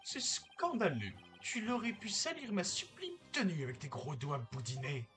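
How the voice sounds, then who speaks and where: A woman's voice: on the low side, sing-song, measured pace, faint music behind, pitched above the performer's own voice. A woman voicing a haughty, pompous man who scolds his servant, reading game dialogue aloud. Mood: scolding. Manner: sneering, condescending.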